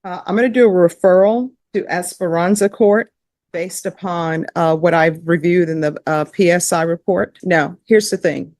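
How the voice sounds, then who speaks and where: Measured woman judge, dry sound. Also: lowish voice, steady tone, darkish tone, no echo. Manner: measured and procedural, with light fillers. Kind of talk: courtroom proceedings.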